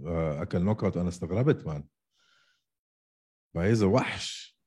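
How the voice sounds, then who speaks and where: A man's voice: low voice, fairly quick, dark tone, slightly rough. A man with a Levantine Arabic accent in casual sports chat, co-hosting emphatically and often repeating his phrases. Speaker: co-host of an MMA podcast.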